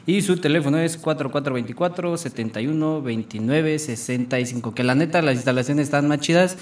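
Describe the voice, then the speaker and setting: A man's voice: fairly high pitch, fairly quick, distant mic. A man with a Mexican accent hosting a radio show in casual, joking chat full of street slang.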